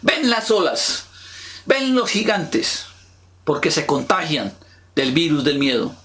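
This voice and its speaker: A male pastor delivers a sermon in a notably high voice. He speaks slowly and deliberately, leaning on rhetorical questions to the congregation. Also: sing-song, a bit bright. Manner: slow, emphatic preaching with rhetorical questions to the congregation.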